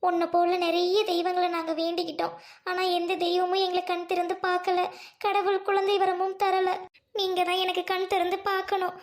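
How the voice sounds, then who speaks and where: A woman plays a grieving childless village wife in a cartoon, her voice pitched very high. She pleads with earnest, prayerful intensity. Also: monotone, moderate pace. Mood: praying.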